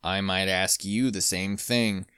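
A man voicing a stern, angry adult chaperone who scolds slowly, in a comic read-aloud. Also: low-pitched, steady tone, a bit bright, clean tone, dry recording, studio quality.

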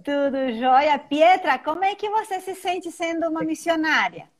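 A woman's voice: sits high, expressive, moderate pace. A woman interviewing a family over a video call, affirming and encouraging as she asks questions.

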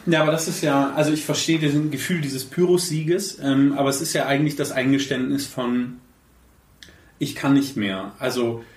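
A podcast host with a medium pitch speaks at a normal speed, sounding casual, lively and emphatic, and he's bluntly colloquial. The recording is distant, with the mic set back in a room full of echo.

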